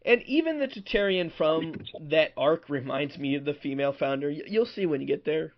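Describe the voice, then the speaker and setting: A man on a podcast who keeps affirming his partner and then adds his own points, with a voice on the higher side. The recording sounds dull and lo-fi. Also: lively intonation, brisk. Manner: agreeable, frequent "right, right" affirmations. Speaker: podcast co-host. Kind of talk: casual chat. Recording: dull lo-fi audio.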